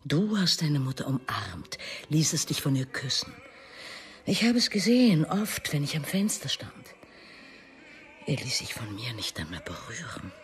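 Playing a wounded, embittered middle-aged mother, an actress speaks of her estranged son in an intense radio drama monologue. Her low voice is very animated yet unhurried, moving from hushed to emphatic, and the feeling is bitter and hurt.

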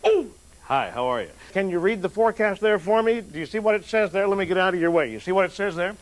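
A man's voice: sits high, lively intonation, quick pace. A middle-aged American man doing off-the-cuff television weather banter. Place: TV studio and outdoor location shoots. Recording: faint background noise, old videotape.

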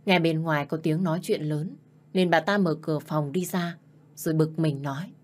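Calm woman reading a story, low voice. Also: normal speed. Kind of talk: dramatized first-person story reading.

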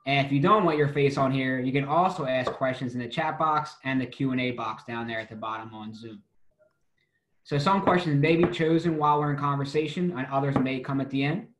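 A man's voice: medium pitch, brisk, fairly bright tone, reverberant. A man hosting and moderating a panel discussion over a video call, in a friendly, conversational way. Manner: upbeat, conversational. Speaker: webinar host.

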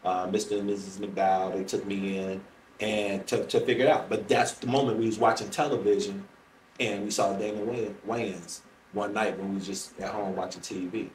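Talking at normal speed in a lowish, darkish voice with fairly even intonation, a middle-aged Chicago comic guests on a podcast and relates stories, acting out exchanges. The sound is roomy and distant, with faint background noise.

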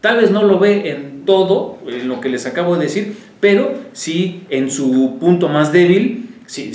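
A man's voice: mid-range voice, a little mellow, roomy sound. A man co-hosting a health talk show, reading out a listener's question and running through what a product contains. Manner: explains a product by listing its contents. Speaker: co-host.

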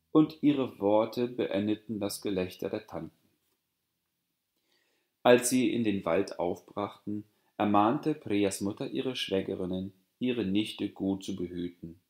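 A man narrating a fairy tale for an audiobook in a calm, even storytelling manner. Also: on the low side. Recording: roomy echo.

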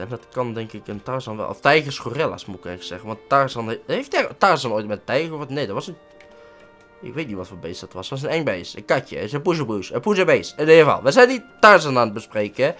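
A man with a Dutch accent doing excitable let's-play commentary, swearing and yelping at every mishap. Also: medium pitch, fast, soft background music. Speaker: gaming let's-play host.

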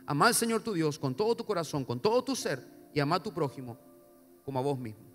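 Emphatic pastor with a lilt. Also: male voice, sing-song, fast. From Paraguay. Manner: swings between soft low asides and loud emphatic repetition. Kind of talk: sermon. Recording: long hall reverb with faint music.

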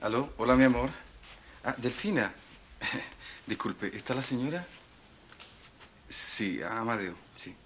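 An actor playing a smooth-talking, unfaithful husband in a telenovela, speaking in a wheedling, evasive way. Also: male voice, medium pitch, expressive, slow pace, long pauses, sharp tone, a little hiss or hum. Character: smooth-talking, cheating middle-aged husband. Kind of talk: telenovela acting.

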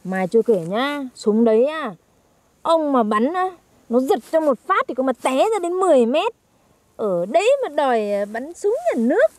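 Young woman, teasing and exclaiming, high lively voice, dry close sound. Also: moderate pace, dry recording. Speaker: teasing granddaughter in skit. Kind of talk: comedy skit acting.

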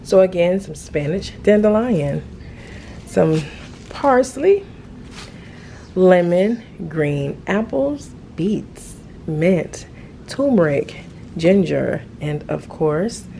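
A middle-aged woman with a lowish, creaky voice chats casually as a lifestyle vlogger, drawing out her words. She's recorded in a home kitchen on a camera microphone, with steady ambient noise behind her.

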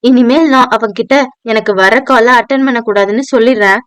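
A woman's voice: on the high side, brisk, fairly bright tone, clear, resonant tone, no echo, lightly acted. A woman voicing a polite, anxious young working woman who speaks respectfully to her boss, in an audio novel. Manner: hesitant, respectful, addressing a superior. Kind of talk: audio novel dialogue reading.

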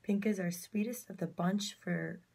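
A young woman in casual vlog chat at home, talking into a phone held at arm's length, chatty and rushed, often dropping into a whisper. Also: medium pitch, fairly even intonation, gravelly, a little mellow, breathy edge. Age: young adult. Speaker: vlogger. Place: home bedroom, indoors.

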